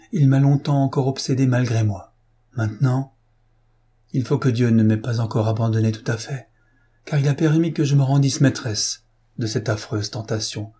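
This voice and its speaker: A man's voice: mid-range voice, normal speed, dark tone, slightly rough, natural voice. A man reading an audiobook, voicing an anguished, tearful young aristocratic wife in a pleading manner. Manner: pleading, sobbing.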